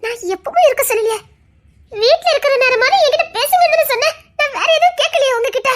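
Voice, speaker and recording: A woman voicing a hurt young wife in a Tamil audio drama, pleading and tearful, rising to shouts. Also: very high voice, fast. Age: young adult.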